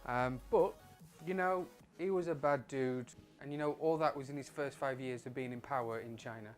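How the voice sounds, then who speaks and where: Guy doing his vlog, chatty and offhand, swears a bit, lots of ums, middle-pitched voice. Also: moderate pace, faint music behind. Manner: loose, chatty, with frequent fillers and offhand swearing. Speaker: vlog host. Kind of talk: casual rambling commentary.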